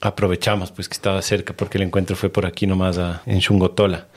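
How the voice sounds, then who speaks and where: A man's voice: deep voice, little pitch movement, fast talker, a little mellow, no room sound. A man hosting a podcast, talking in a casual, enthusiastic and informal way. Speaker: podcast host.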